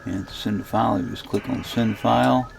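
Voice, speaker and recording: Recorded inside a camper, a ham radio demonstrator and channel host narrates a casual screen demo, thinking aloud at an unhurried pace. His voice sits at medium pitch with fairly even intonation. Background electrical and radio interference noise is clearly audible.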